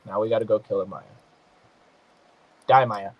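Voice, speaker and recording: A male gaming host delivers casual gameplay commentary, loose and jokey, tossing slangy trash talk at his opponents. His lowish voice is steady, at times slightly nasal, at a moderate pace, and the sound is lo-fi.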